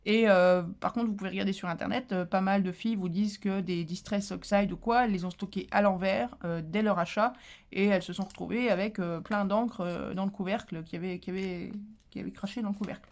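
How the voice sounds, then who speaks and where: Chatty woman vlogger, lively asides. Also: mid-range voice, a little fast. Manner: lively, talkative, many fillers and restarts; playful indignant asides. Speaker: crafting vlogger. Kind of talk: casual chatty vlog.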